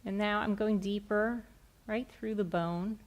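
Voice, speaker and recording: A middle-aged woman gently and softly explaining a hands-on therapy demonstration step by step on stage. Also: mid-range voice, fairly even intonation, unhurried. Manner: gentle, soft-spoken. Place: on a stage in a theatre, indoors.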